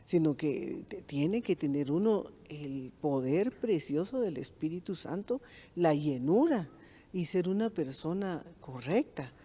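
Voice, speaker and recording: Middle-aged Guatemalan church woman, warm mellow voice, affirming conversational teaching. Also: low voice, expressive, unhurried, breathy edge. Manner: affirming, frequent amens and agreement. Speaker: pastor's wife, co-host.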